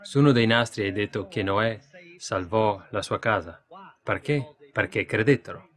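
A man preaching a sermon and answering questions, emphatic and full of "see?" asides, building into excited storytelling. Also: lowish voice, moderate pace.

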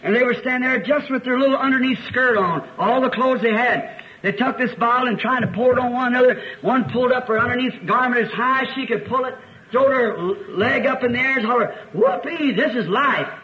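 A man's voice: very high-pitched, moderate pace. An American man preaching a sermon, telling a story earnestly and rising to fervent exclamations. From United States. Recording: dull archive recording with faint hiss.

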